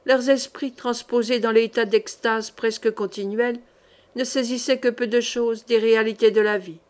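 A woman reading a historical novel aloud as an audiobook, in a measured storytelling manner. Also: a little high, fairly even intonation, darkish tone. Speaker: audiobook reader. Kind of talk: scripted narration of a historical novel.

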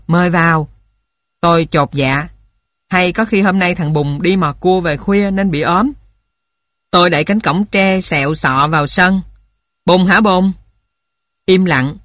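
A woman narrating a childhood story for an audiobook in a calm, even reading voice. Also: on the low side, no echo, studio quality.

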